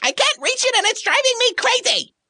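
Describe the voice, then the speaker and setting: Frantic mad scientist straining in a straitjacket. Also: female voice, very high voice, sing-song, a little fast, bright, forceful tone, dry recording, studio quality, exaggerated voice. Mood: strained, whining. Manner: strained, squirming complaints of someone struggling in a straitjacket. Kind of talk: comedy audio drama.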